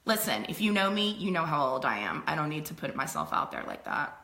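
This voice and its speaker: Bright-voiced chatty middle-aged woman. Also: deep voice, big pitch swings, fairly quick. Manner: chatty, laughs often. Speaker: host selling makeup. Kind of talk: casual live-stream chat. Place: home room. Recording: echoey room.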